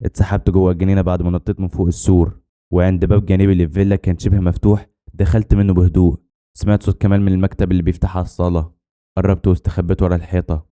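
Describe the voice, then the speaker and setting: A man with an Egyptian Arabic accent narrates a suspenseful first-person tale at a breakneck pace. His voice sits low and dark, mellow rather than bright, and he tells the story in a tense, dramatic way. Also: level tone, rapid-fire.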